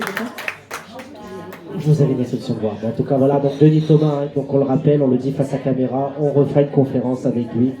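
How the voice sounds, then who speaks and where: A man's voice: medium pitch, noisy background. A man hosting a book talk and event. He talks loosely and keeps saying "donc" as a filler. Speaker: event host. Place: event hall. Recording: roomy hall sound.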